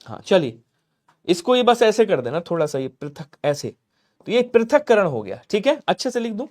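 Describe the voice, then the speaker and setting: A young adult man teaching Hindi spelling for an exam-prep class, lively, quizzing students and answering for them. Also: high voice, moderate pace.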